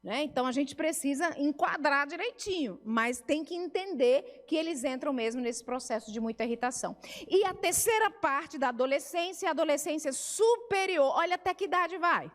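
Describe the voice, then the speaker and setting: A middle-aged woman with a Brazilian Portuguese accent speaks as a family therapist at a church seminar. Her voice sits high, and it rings with the long reverb of a church hall. She teaches in a chatty way and slips into little scenes of home life. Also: expressive, moderate pace. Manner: conversational teaching, acts out family dialogues.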